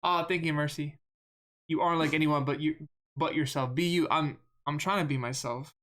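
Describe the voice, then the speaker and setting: A self-deprecating game streamer drones through live gameplay commentary, rambling and often saying words twice. His voice is mid-range and his pace moderate.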